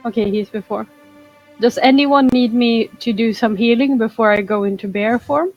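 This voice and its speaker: A woman takes her turn in a tabletop game and talks it through out loud. Her voice sits somewhat high for a woman. Faint music hums underneath her easy, chatty talk. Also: normal speed, muffled recording. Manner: chatty, thinking aloud. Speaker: player. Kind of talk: casual tabletop game chat.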